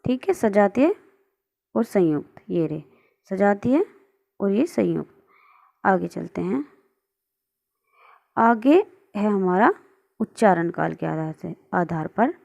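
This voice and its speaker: A woman teaches a grammar lesson over a screen recording, her fairly high voice gravelly and mellow. She patiently asks questions and then answers them herself. The sound is dull and lo-fi. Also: animated, takes it slowly, pauses often. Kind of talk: online lesson explaining on screen.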